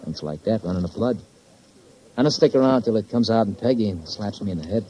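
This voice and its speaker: The speaker is an actor playing a murder suspect: an embittered, sardonic young American who failed at law and talks tough. His fairly low, dark voice is animated and fairly quick, close to an everyday voice, spitting clipped, sarcastic, slangy wisecracks in 1950s radio crime drama style. It's a muffled vintage 1950s radio recording.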